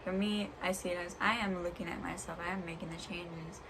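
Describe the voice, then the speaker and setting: A woman with a slightly low voice delivers a reflective personal monologue as a vlogger. She is earnest and halting, often pausing between short phrases. There is clear background noise in the recording. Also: steady tone.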